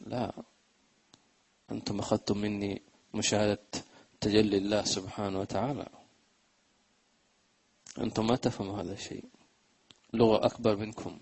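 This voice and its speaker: Gravelly low-voiced preacher. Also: male voice, level tone, a little mellow, poor audio. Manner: chants verse slowly, then talks fast and plain to listeners. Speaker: religious teacher. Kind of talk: religious lesson commentary.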